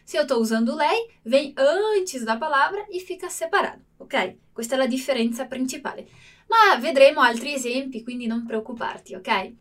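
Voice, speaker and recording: A woman's voice: sits high, far from the mic. A woman teaching Italian grammar in a lesson, explaining patiently and checking in often with her listeners. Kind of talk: online language lesson.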